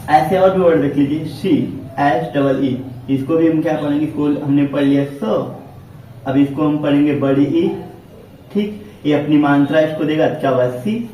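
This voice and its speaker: Male classroom teacher, slightly high, mellow tone, repeats himself and stretches words, faint room hum. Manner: repetitive, asks and answers his own questions. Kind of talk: classroom lesson. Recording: echoey classroom from far off.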